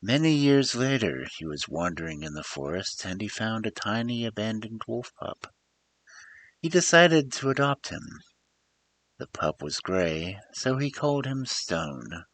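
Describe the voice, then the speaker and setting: A very deep male voice tells a story slowly, in the theatrical, emphatic manner of a storybook reader. His intonation climbs and dips dramatically, sing-song in feel, and his tone is a bit bright.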